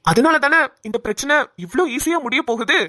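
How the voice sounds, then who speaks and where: A woman voicing a calm young man in a cartoon, explaining things in a soothing way. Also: sits high, brisk, no room sound, clean studio sound. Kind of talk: cartoon voice acting.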